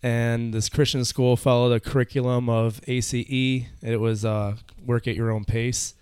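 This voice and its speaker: A man's voice: mid-range voice, flat delivery, normal speed, a little mellow, clean tone, no room sound, studio quality. A man as a podcast guest, telling his own story in an earnest, slightly nervous way. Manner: earnest, a little nervous, with fillers. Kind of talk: casual storytelling.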